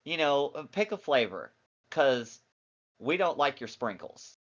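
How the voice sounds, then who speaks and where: A man's voice: medium pitch, measured pace. Jokey forty-year-old man, dull sound. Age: 40s. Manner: excitable, jokey, with slang. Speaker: co-host. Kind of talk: casual wrestling review chat.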